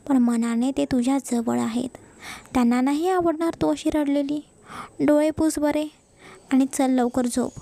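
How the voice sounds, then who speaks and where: A woman's voice: high voice, creaky, mellow. Woman voicing a caring, bossy mother. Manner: affectionate, scolding. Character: caring middle-aged mother, warm and bossy. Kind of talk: storybook narration.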